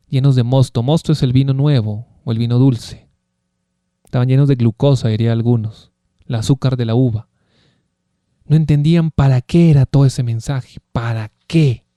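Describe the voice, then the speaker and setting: Male preacher, emphatic teaching style, keeps asking rhetorical questions, mellow tone. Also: mid-range voice, dry recording, clean studio sound. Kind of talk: Bible teaching sermon.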